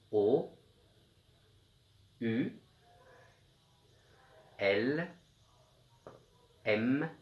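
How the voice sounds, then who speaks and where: A man teaching young children a spelling dictation, speaking gently and encouragingly and sounding out letters slowly. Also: mid-range voice, reverberant. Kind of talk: slow, patient dictation lesson for young children.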